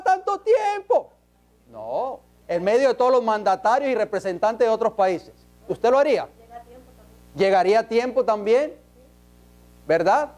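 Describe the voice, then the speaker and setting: A man's voice: very high-pitched, darkish tone. A man preaching an emphatic sermon in a church, peppering the congregation with rhetorical questions.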